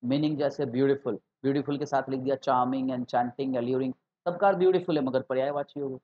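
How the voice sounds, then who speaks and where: A man teaching an exam-prep lesson online, explaining terms slowly, repeating key words and putting questions to his students. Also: mid-range voice, fairly even intonation. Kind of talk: online exam-prep lecture mixing Hindi and English terms. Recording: slightly dull lo-fi recording.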